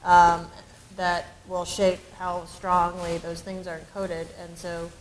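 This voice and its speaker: A woman's lowish, monotone voice moves slowly as she thinks aloud on an academic panel, often saying um and restarting sentences. She is a panelist and researcher, heard on a low-quality recording with slight background noise.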